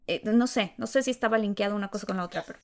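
A woman with a Mexican accent, an actress who tells personal stories in a casual, animated and self-reflective way. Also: mid-range voice, very fast. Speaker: actress sharing her experience. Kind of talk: casual conversation.

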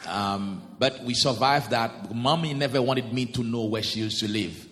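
A man's voice: mid-range voice, normal speed, fairly bright tone, long reverb tail. A man in his late thirties from Haiti, a guest pastor telling his life story in church. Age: 30s. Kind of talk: interview testimony in church.

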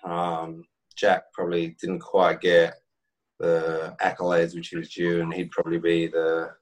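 A middle-aged man with a deep, low voice talks casually about sport as a podcast guest. His way of talking is conversational and full of banter. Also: monotone, a little slow. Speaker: podcast guest, former cricketer.

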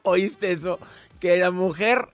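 A man's voice: high voice, slow, faint music behind. A man hosting a radio call-in show, teasing and joking with a caller. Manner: playful, teasing, warm banter. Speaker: host.

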